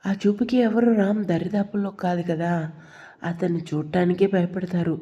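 A woman narrating a love story in a steady, scripted storytelling manner. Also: fairly low pitch, normal speed. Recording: dull lo-fi recording.

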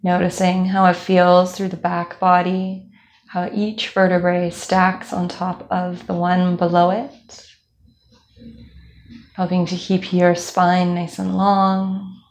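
A young woman instructor leading a calm guided body scan meditation, speaking slowly with soft fillers. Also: on the low side, slight background noise. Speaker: movement instructor.

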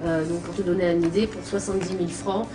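A woman's voice: lowish voice, fast. A woman in her thirties from an event company, giving casual advice in a small office, talking with many hesitations. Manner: relaxed, hesitant with many fillers. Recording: roomy, distant mic, background music.

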